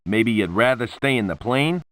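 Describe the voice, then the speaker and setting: A man's voice: mid-range voice, lively intonation, normal speed, a bit bright, natural voice. A man playing a laid-back, wisecracking adventurer pilot in a video game. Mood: wry.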